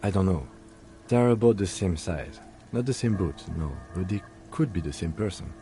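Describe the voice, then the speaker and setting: A man voicing a calm, dry-witted police lieutenant in a video game, measured and deadpan. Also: low voice, slight background noise.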